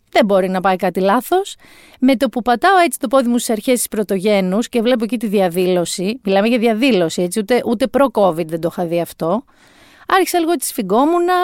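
Forties woman, comic monologue, self-mocking, smooth and a touch high. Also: darkish tone, dry recording, clean studio sound. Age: 40s. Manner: wry, self-mocking storytelling. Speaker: storyteller.

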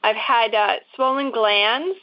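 A woman from northern New Jersey phones in to a call-in show. Her voice is slightly high and bright, dry and close. Her speech comes out halting while the glitching line keeps cutting her off. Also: no room sound, rough recording. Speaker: caller.

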